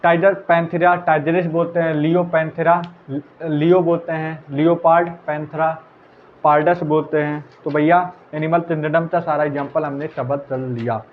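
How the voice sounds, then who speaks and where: Male teacher, casual revision lecture, slightly high voice, tinny phone-line sound. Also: level tone, moderate pace. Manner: casual, repeats answers, calls listeners brother. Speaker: biology teacher. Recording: tinny phone-like audio, faint hiss.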